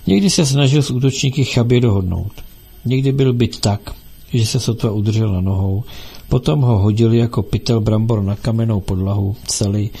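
A man narrating an audiobook in a steady, measured reading style. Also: on the low side, gravelly, slightly rough.

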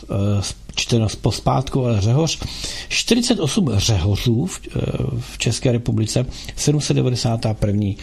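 Gravelly husky male radio host. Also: medium pitch, expressive, darkish tone. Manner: rambling, halting, with frequent filler sounds. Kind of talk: casual call-in radio talk.

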